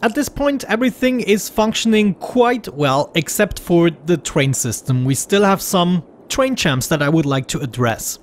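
A man's voice: high voice, lively intonation, unhurried, hardly any pauses, a little hiss or hum. A man in his thirties giving casual game commentary as host, talking with a swollen, sore mouth. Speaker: host of a gaming series. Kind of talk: casual let's play commentary.

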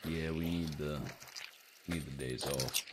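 A man chatting casually while streaming a game with friends, relaxed and quick to laugh. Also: extremely low pitch, slightly rough. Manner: relaxed, laughs often, swears. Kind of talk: casual gaming chat.

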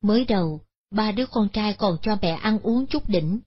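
A woman tells a Buddhist moral story in a measured, solemn way. Her voice is husky, and the recording sounds dull and lo-fi. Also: mid-range voice. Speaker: narrator.

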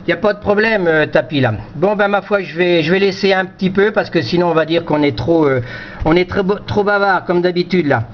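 A high-pitched man talks a little fast in a casual two-way amateur radio chat, sounding hesitant and often repeating his words. The lo-fi audio is dull with slight noise.

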